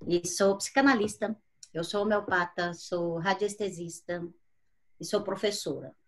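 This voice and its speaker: A middle-aged woman from Brazil, a guest on a video-call interview, telling stories in a lively way. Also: fairly low pitch. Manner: lively storytelling, quick laughs.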